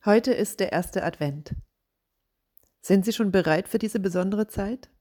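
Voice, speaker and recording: A middle-aged woman, a church dean, giving a radio devotional and reading a story gently while voicing its characters. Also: mid-range voice, measured pace, faint music behind.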